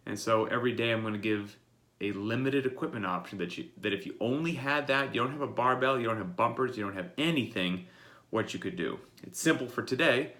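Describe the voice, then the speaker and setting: In his daily workout briefing, a congested coach walks his members through the session, speaking a little fast. His voice is mid-range and a bit bright. His delivery is plain and explanatory, aimed straight at the listener.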